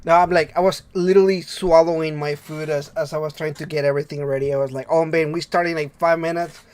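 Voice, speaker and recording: A man hosting a casual gaming podcast, excitable and rambling, laughing often. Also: on the high side, fast talker, clean tone. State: under the weather. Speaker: podcast host.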